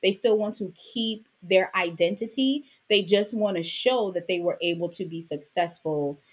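A Jamaican-born woman raised in Brooklyn, a podcast guest who is an author and business owner, chats in a casual interview. Her husky voice sits fairly low and moves at a normal speed. She tells stories with animation, often tossing in "right?" asides.

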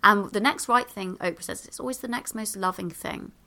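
A bubbly woman chats as a podcast guest, full of little exclamations and fillers as she hands out advice. Her voice is bright and forward, with a crisp edge, and she speaks into a handheld microphone. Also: mid-range voice, a little fast. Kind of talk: casual advice in conversation.

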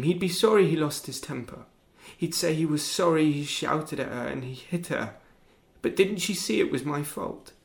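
Brief: young male actor as a teen, gravelly and slightly high, sullen and cold, with sudden angry outbursts. Stage drama. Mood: bitter. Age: young adult. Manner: sullen, cold and detached, flaring into shouts. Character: bitter teenage boy accused of killing his father.

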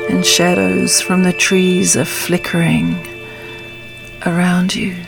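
A woman with a slightly low voice leads a calm grounding exercise over clearly audible music. She speaks very slowly and soothingly, setting out short phrases with long pauses between them. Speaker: host of a meditation podcast. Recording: music behind the voice.

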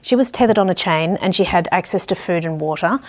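A woman from Australia with an Australian accent, teaching through conversational storytelling in a halting, reflective way. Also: fairly low pitch. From Ballarat, Australia. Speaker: dog grooming educator.

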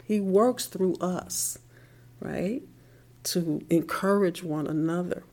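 A middle-aged woman giving a heartfelt personal faith testimony in an interview, soft-spoken and at times dropping to a whisper. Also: lowish voice, slow pace.

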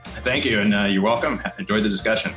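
A man's voice: on the low side, fast talker, a bit bright, faint music behind. A man giving conversational, explanatory answers as an expert guest on a podcast. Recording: roomy, dull sound with faint noise.

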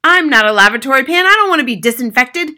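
A woman voicing a vain, panicky middle-aged father in a storybook, yelling, wailing and making demands. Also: high voice, animated, fast, voice pushed up, exaggerated voice. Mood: indignant.

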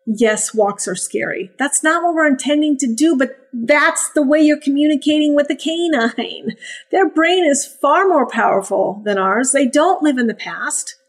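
Lively high-voiced woman, animated talk. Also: normal speed. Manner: animated, acts out puppy voices and high sing-song praise. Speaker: puppy breeder and trainer. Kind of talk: casual podcast talk.

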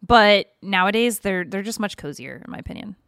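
A woman's voice: mid-range voice, expressive, a little fast, a bit bright, no room sound, clean studio sound. A woman co-hosting a podcast, chatting casually and giving her opinion. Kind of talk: casual chat.

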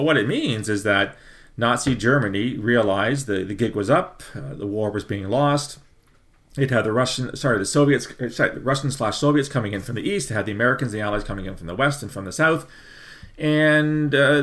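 A middle-aged man hosting a podcast, delivering a measured, emphatic commentary with frequent self-corrections. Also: mid-range voice. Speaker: podcast host. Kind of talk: commentary monologue.

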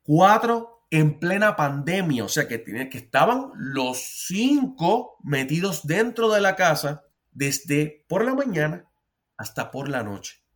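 Hombre puertorriqueño, terapeuta, charla informal, voz algo aguda. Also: male voice, on the high side, sing-song, takes it slowly, a bit bright. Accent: Puerto Rican. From Puerto Rico. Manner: earnest, frequent restarts and stammered repeats. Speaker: therapist. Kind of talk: casual podcast talk.

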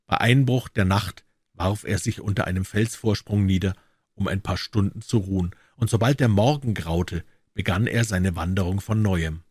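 Husky-voiced male audiobook narrator. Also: sits low, darkish tone, no room sound, clean studio sound. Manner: measured, dramatic storytelling. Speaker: audiobook reader.

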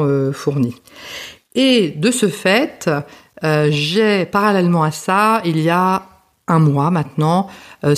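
Chatty French woman podcaster. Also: low voice. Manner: chatty, many fillers and restarts. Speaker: podcast host. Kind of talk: casual spoken monologue.

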